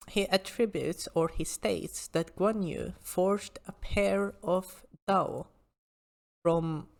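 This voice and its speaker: Woman, low voice, informal explanatory lecture, host presenting, hesitant asides. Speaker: host of a history talk.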